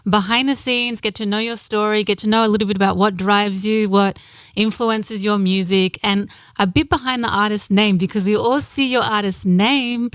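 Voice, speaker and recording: A woman's voice: medium pitch, steady tone, normal speed, clean tone, no echo. A woman hosting a talk show, bubbly and playful, sprinkling in Spanish words as she interviews her guest. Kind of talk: casual interview chat.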